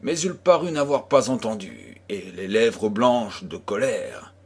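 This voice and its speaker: A man reading a classic novel aloud as an audiobook narrator, in a measured storytelling manner. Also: lowish voice, expressive, vocal fry, breathy edge. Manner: slow, measured reading, voicing dialogue with small shifts. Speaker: audiobook reader.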